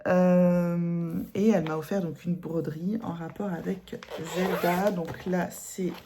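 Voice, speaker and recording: A woman's voice: on the low side, steady tone, slow pace, background noise. A middle-aged woman from France chatting casually at home about her cross-stitch projects, rambling with many fillers and self-corrections. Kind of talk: casual chat showing embroidery.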